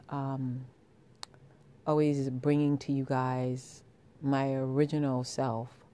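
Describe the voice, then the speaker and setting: A woman's voice: a bass voice, warm tone. A woman with a sultry voice hosting a podcast, speaking intimately and directly to her listeners. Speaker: podcast host.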